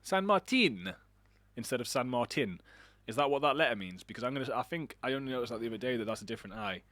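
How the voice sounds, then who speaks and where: A man's voice: medium pitch, very fast, a bit bright, dry recording. A man casting an online shooter match alone, chatty and rambling, with self-deprecating asides. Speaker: esports caster. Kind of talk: solo game commentary.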